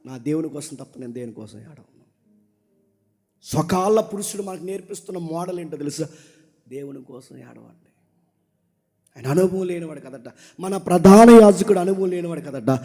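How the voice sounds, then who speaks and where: A male pastor preaching a sermon with passion, swinging between loud exhortation and low, intense speech. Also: normal speed, pauses often. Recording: long hall reverb.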